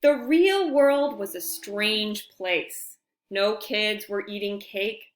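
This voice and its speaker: A woman reads a picture book aloud to young children, using expressive, deliberate phrasing and friendly asides. Her voice is mid-range, and the sound is reverberant.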